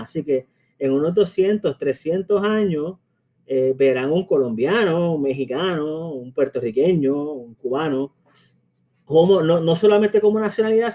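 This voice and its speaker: A male language teacher with a Caribbean Spanish accent explains a lesson conversationally, often checking in with tag questions and pausing hesitantly. His voice is fairly high-pitched with a dark tone, and the recording sounds muffled.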